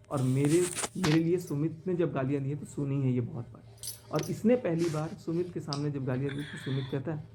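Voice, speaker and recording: A man's voice: on the high side, warm tone. A man talking in a live stream from his car, aggrieved and pleading as he recounts a betrayal. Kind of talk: emotional live-stream monologue.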